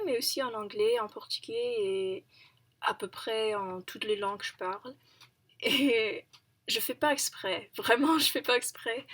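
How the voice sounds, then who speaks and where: A woman's voice: on the high side, bright, forceful tone. A young woman who is not a native speaker, talking through her thoughts in a casual, self-conscious vlog monologue. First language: not French. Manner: chatty, self-conscious, thinking aloud. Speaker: language learner.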